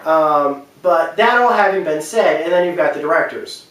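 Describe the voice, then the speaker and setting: Speaking off the cuff about movies and games, this male video commentator leans into his opinions and repeats phrases to drive them home. His voice sits on the high side, expressive and a bit bright, at a moderate pace, captured by a distant mic in a very echoey room.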